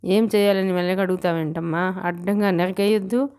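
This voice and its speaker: A stern older landlord from an audiobook novel, voiced by a woman. He scolds and lectures gruffly. The voice sits a bit low. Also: steady tone, a little fast, darkish tone, close to an everyday voice. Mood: indignant.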